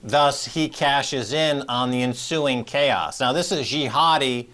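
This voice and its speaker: A man's voice: medium pitch, takes it slowly, a bit bright. A man hosting a show, giving heated, accusatory financial commentary with strong emphasis. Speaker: show host.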